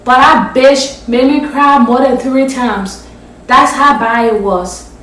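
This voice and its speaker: A woman vlogger from Africa talks in a high voice, slowly and with passion, pressing hard on her points. She is recorded off the mic in a very echoey room with a faint hum behind her. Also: fairly bright tone, far from the mic. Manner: passionate, emphatic and direct, swearing at times. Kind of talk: emotional story time vlog. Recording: roomy echo, voice off the mic.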